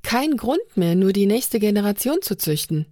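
A woman voicing a sharp-tongued young woman on a starship, speaking in a raised, mocking tone. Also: medium pitch, very animated, normal speed, no room sound, clean studio sound, pitched above the performer's own voice. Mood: earnest.

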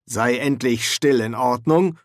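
A man's voice: medium pitch, takes it slowly, no room sound, studio quality, lightly acted. A man voicing a grumbling, defiant male wizard dean in an audiobook. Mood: defiant growling. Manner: growling, defiant.

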